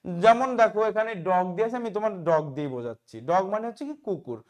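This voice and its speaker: A man's voice: high-pitched, big pitch swings, fast talker. Man, teacher from West Bengal, grammar lesson, answers his own questions, keeps checking "okay?". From West Bengal, India. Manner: asks questions and answers them himself, often checks "okay?". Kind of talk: explaining grammar in a class video.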